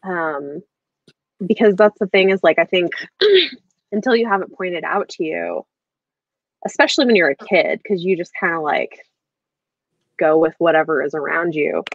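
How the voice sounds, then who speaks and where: With a lowish, very animated voice, moderate pace and many pauses, a woman in her thirties hosts a book club livestream from her home over a video call. She muses aloud in a hesitant, meandering way during the casual discussion. There's no echo, but the call audio is slightly dull.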